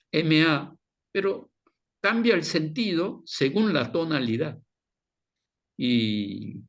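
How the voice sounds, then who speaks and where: Guy lecturing slow with lots of fillers, a bit of vocal fry. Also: medium pitch. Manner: slow, halting, with many fillers and tag questions. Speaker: missions teacher. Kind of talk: lecture on mission work.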